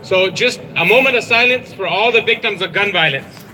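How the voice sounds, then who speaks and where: A man's voice: high-pitched, moderate pace, pushed and bright, soft background music, poor audio. A man giving a punchy, crowd-rousing speech at an outdoor rally. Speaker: rally speaker.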